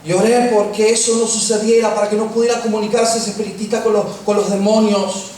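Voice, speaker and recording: A middle-aged man with an Argentine accent preaching a sermon, telling personal stories with humor and slowing down for emphasis. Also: sits high, level tone, darkish tone. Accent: Argentine Spanish. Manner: humorous storytelling, slows for emphasis. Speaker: pastor. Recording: echoey room, distant mic, faint noise.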